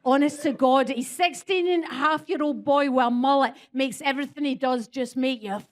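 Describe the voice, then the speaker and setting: A woman's voice: sits high, steady tone, normal speed. A Scottish woman in her forties doing a blunt, crude stand-up set. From Scotland. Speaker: stand-up comedian.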